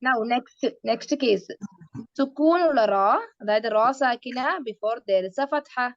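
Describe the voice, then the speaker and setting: A woman teaching children Quran recitation, patient and slow, mixing English into her talk. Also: fairly high pitch, no room sound. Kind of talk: online class teaching kids. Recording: dry, dull lo-fi sound.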